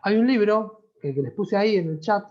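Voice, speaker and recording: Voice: medium pitch, lively intonation, moderate pace, a little mellow. A teacher with a Rioplatense Spanish accent giving an online class in a conversational way, often checking in with the students. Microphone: computer mic on a video call. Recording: dull lo-fi video-call audio.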